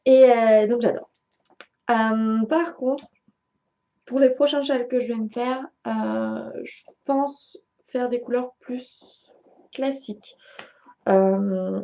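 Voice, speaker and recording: Chatty woman with a mellow voice. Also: a little high, gravelly, lo-fi sound. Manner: chatty, many fillers, giggly asides. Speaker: knitting podcaster. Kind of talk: casual chat to camera.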